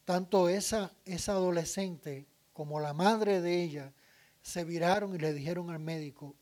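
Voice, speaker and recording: A man's voice: sits high, darkish tone. A man giving a public talk on parenting, asking the audience questions and listing points one by one. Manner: deliberate, lists items one by one; asks the audience questions and answers them. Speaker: speaker addressing an audience.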